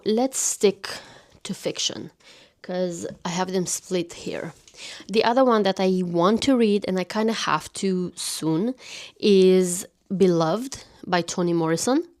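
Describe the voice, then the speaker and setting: Soft lower-voiced woman, 30s, chatting books into a stand mic, slips into whispers sometimes. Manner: gentle, intimate, dips into whispers. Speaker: channel host. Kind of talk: soft-spoken book chat. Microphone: thin mic on a stand.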